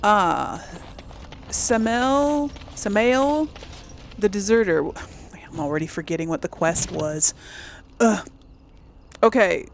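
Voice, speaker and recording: Faint game audio plays as a female video game streamer and host gives laid-back let's play commentary, talking through her thoughts. Her voice is medium-pitched and gravelly. She speaks slowly, pausing often.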